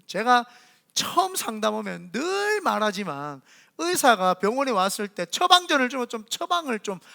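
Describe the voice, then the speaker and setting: A middle-aged Korean man, preaching a sermon as senior pastor and telling animated stories in which he acts out the voices in quotes. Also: high voice, creaky.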